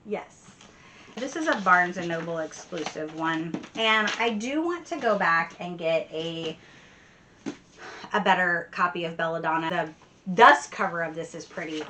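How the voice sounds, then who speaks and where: Chatting casually to camera while answering tag questions, a book vlogger speaks with giggly enthusiasm and emphatic repetition. She has a lowish voice and a measured pace, with background noise behind her.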